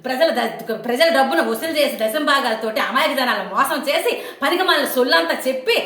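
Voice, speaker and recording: A woman tears into someone in a fast, scolding rant full of taunting questions. Her voice sits very high and sounds bright and sharp. The sound carries an echo, as if she recorded in a bare room. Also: expressive. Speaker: online commentator. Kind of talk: angry rant to camera.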